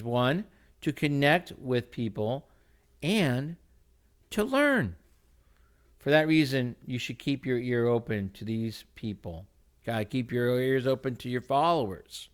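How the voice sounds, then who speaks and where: A man, a music teacher by trade, hosts a motivational leadership book talk from his home kitchen. He speaks into a computer microphone in an emphatic, folksy way, swinging from loud urging to quiet asides. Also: mid-range voice, smooth.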